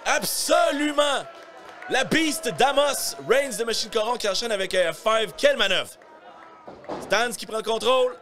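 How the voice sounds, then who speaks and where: Excited high-pitched Quebec French wrestling commentator, male. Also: brisk, over music. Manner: excited, exclamatory, often shouting. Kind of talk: live wrestling play-by-play commentary. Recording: live event with crowd noise.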